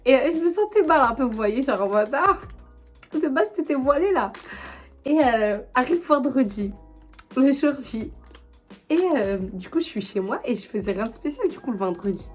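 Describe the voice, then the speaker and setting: Young woman vlogger, high voice, rambling slangy storytelling, soft music underneath. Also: moderate pace. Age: young adult. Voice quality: high-pitched. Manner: chatty, animated, full of fillers and slang. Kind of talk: casual storytelling to camera.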